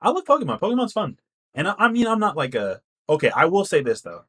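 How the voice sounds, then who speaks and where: A man's voice: fairly high pitch, huge pitch swings, fast, fairly bright tone, slightly rough. A young man co-hosting a podcast in casual chat, rambling and swearing freely. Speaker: podcast co-host.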